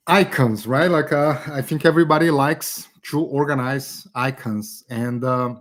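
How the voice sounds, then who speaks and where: Chatty Brazilian-raised man hosting workshop. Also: mid-range voice. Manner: chatty, many fillers and "okay?" tags. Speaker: community event host teaching design. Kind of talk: casual live online workshop.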